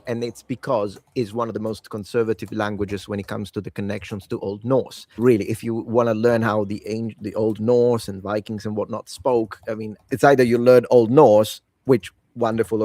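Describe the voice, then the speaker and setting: A tired man, a native Italian speaker, talks to camera late at night for his language-learning channel, chatting casually and enthusiastically about the languages he wants to learn. His voice is on the low side and a little mellow. He often rambles and corrects himself.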